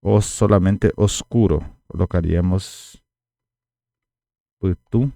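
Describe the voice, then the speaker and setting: Slow, deep-voiced man teaching a lesson. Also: dark tone, dry recording, clean studio sound. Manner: slow, explanatory, repeats words for learners. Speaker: language teacher. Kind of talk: casual online language lesson.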